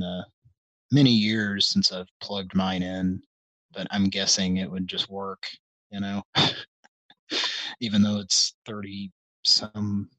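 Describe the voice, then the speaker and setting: A man's voice: on the low side, fairly bright tone, no echo, dull audio. A middle-aged man hosting a live stream, rambling in casual chat with many hesitations and wry, self-deprecating asides. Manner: meandering and hesitant, full of ums and restarts. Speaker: host of a live call-in stream.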